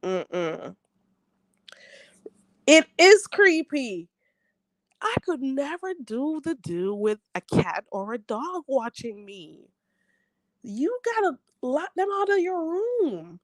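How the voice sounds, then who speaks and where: Reading viewers' comments aloud on a casual live chat, this woman sounds stuffy and a bit nasal from a blocked nose, laughing often and speaking bluntly. Her voice sits high with big pitch swings, and she talks slowly with long pauses. The recording is dry.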